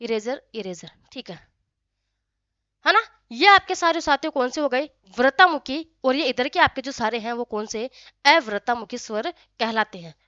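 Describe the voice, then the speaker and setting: A woman teacher giving a grammar lesson, often quizzing her students and sounding out vowels slowly. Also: fairly high pitch, lively intonation, pushed and bright, dry recording, highs cut off. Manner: frequent questions to students, addresses them as friends.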